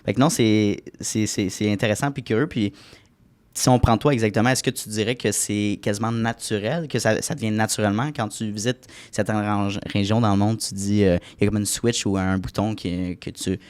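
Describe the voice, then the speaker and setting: A man's voice: fairly low pitch, steady tone, fairly quick. A man with a Québécois French accent who hosts a podcast interview, chatty and full of fillers. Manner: chatty, many fillers and restarts. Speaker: podcast host.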